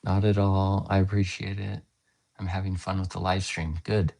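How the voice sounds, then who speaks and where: An American man hosts a casual live-stream English lesson, patiently answering viewer comments and often spelling words out. His low-pitched voice is hoarse and scratchy, a little mellow, with a level tone. He speaks at normal speed.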